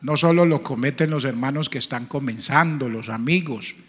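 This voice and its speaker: A man preaching a sermon as pastor, telling stories with strong emotion, his voice swelling loud and then dropping to a near murmur. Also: mid-range voice, moderate pace, husky. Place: church. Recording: church hall with long reverb.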